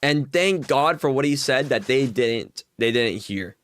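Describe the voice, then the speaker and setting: A young man playing Minecraft on stream launches into a long, casual story, rambling, filler-heavy, and laughing with exasperation. His mid-range voice has lively intonation and a fairly bright tone, and he speaks a little slowly.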